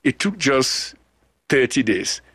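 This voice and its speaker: A middle-aged man from Cameroon, a global health scientist answering interview questions in an earnest, deliberate way with frequent restarts. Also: mid-range voice, big pitch swings, a bit bright, breathy edge, no echo, clean studio sound.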